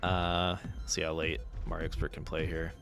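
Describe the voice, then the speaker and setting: A man's voice: rumbling low, completely flat delivery, normal speed, over music. A man hosting a live stream, casually commentating game matches and chatting with players, thinking aloud with fillers. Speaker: stream host and match caster.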